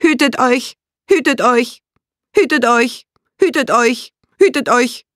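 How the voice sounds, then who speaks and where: A man voicing a possessed young female automaton who screams warnings in a shrill voice. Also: fairly even intonation, a little slow, fairly bright tone, smooth, no echo, studio quality. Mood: shrieking warning. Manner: ranting prophecy, repeated warnings. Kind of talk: audiobook character voice.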